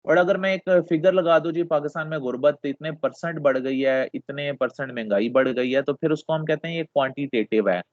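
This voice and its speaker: A man teaches a class, pitched a little high for a man. He explains patiently, slips English terms into his sentences and keeps checking with his listeners. The recording is dull and lo-fi, close and dry. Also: fairly quick, few pauses, dry recording. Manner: explains patiently, mixing English terms into Urdu, often checks with "theek hai". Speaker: lecturer.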